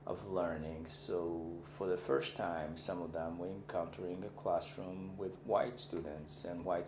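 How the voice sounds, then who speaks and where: The speaker is a university lecturer from Mozambique, a native Xangana speaker with a deep, gravelly voice. His lecture is reflective and personal, delivered thoughtfully as he searches for words, and the recording is echoey with faint noise behind it.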